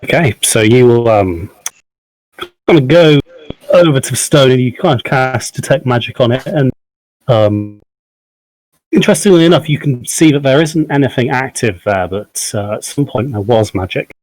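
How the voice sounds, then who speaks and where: A man narrating as game master of a tabletop game, pausing often with ums and hedging words. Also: medium pitch, expressive, darkish tone, poor audio. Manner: hesitant, many ums and "kind of".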